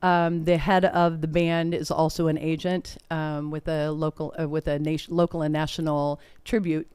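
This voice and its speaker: A middle-aged woman chats through her stories in a relaxed interview, often breaking into laughter. Her voice is smooth and resonant, and the recording is close and dry. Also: sits low, moderate pace, dry recording. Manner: chatty, laughing, animated storytelling. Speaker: performer and guest. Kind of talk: casual interview chat.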